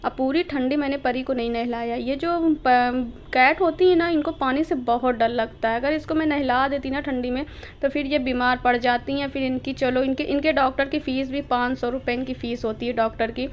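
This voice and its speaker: A woman's voice: high-pitched, fairly even intonation, moderate pace, a little hiss or hum. A woman chatting casually to her viewers as she narrates her day in a home vlog. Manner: chatty, explains to viewers directly. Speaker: vlogger.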